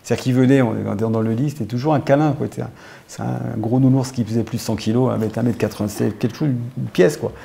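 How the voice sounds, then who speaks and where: A man's voice: medium pitch, steady tone, fast, creaky, dark tone. A middle-aged man, father of a fallen soldier, recalls his son in a thoughtful, searching way. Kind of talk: reflective personal recollection.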